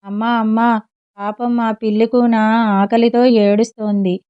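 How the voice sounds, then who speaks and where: A woman's voice: fairly high pitch, little pitch movement, measured pace, clear, resonant tone, natural voice. A woman voicing a tired, hungry little boy who coaxes his mother in a whiny tone, in a slightly muffled recording. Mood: coaxing. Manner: whiny, coaxing.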